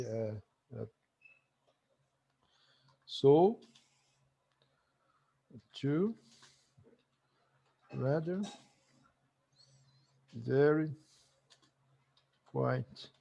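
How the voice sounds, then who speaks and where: A man's voice: medium pitch, big pitch swings, drawn-out words, vocal fry, long pauses, mellow, slightly rough. A middle-aged man with a Brazilian accent, teaching a chatty online language lesson and tagging almost every sentence with "né?". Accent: Brazilian Portuguese. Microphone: video call. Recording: muffled video call audio.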